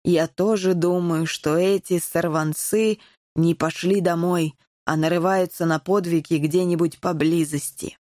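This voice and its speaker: A woman voicing a stern, gruff old male cat admiral in a storybook reading. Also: lowish voice, steady tone, unhurried, warm tone, dry recording, studio quality, voice pushed down, lightly acted.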